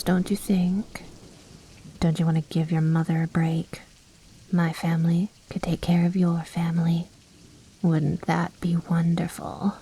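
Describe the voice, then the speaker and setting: A woman voices a commanding, seductive vampire noble in a whispered ASMR drama, coaxing, possessive and silkily condescending. Her lowish voice is soft, breathy and slow, mostly whispered, and the audio quality is poor.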